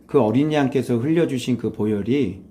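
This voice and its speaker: A man's voice: mid-range voice, moderate pace, mellow. A man preaching a morning devotional sermon in a conversational way, firing rhetorical questions at his listeners and acting out quoted voices. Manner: acts out quoted voices, switches to blunt informal speech. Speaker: pastor.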